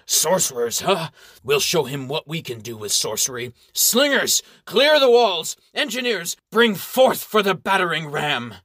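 A man's voice: medium pitch, animated, normal speed, fairly bright tone, husky, dry recording, studio quality. A man voicing an impatient, blustering English baron who barks his words brusquely. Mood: commanding. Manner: brusque, barking.

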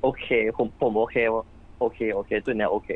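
A man calling in to a podcast, explaining his question in a hesitant, halting way. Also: lowish voice, steady tone, slightly rough. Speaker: caller, young broker. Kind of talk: casual chat. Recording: tinny phone-like line.

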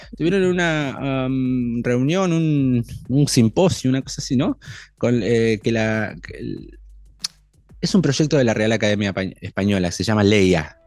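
A man co-hosting a casual tech podcast, talking with many restarts and fillers and reading news quotes quickly. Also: mid-range voice, a little mellow, dry recording, studio quality. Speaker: podcast co-host.

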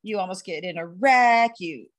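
A woman, an energy instructor, teaching on a podcast in a lively way, laughing and quoting herself. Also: medium pitch, moderate pace. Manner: animated, laughs, quotes herself in little voices.

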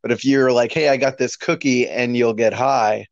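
A man's voice: medium pitch, steady tone, normal speed, creaky, no room sound. A man chatting casually as a podcast guest over a speakerphone call, rambling and restarting his sentences. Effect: heard over a speakerphone call. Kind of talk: casual chat. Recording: dull lo-fi speakerphone line, dry.

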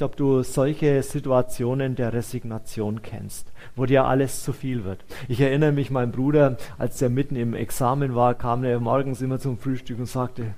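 A man's voice: mid-range voice, darkish tone. Guy preaching a sermon, talks straight to you, lots of questions. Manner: addresses listeners directly with rhetorical questions. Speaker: pastor.

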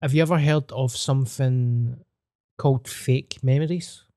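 Glasgow street accent guy, mellow soft-edged voice, sweary casual chat, very dry close sound. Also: mid-range voice, fairly even intonation, unhurried, no echo. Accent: Glaswegian.

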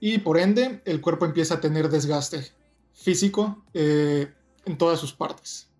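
Young Mexican man explaining calmly. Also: a little high, soft background music. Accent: Mexican Spanish. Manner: measured, explaining step by step with fillers. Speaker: guest, doctoral researcher. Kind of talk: explanatory interview answers.

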